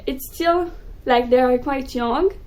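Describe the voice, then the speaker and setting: A young woman, a native French speaker, chatting excitedly about books in a casual vlog. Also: high-pitched, low-quality recording. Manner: excitable, gushing, quick bursts. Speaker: book vlogger. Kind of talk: casual chat to camera.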